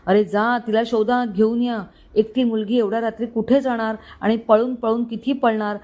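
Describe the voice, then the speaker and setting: A woman voicing a shrill, quarrelsome middle-aged mother who panics and scolds the men of the house in a storybook reading. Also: steady tone, moderate pace, darkish tone, natural voice. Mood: alarmed.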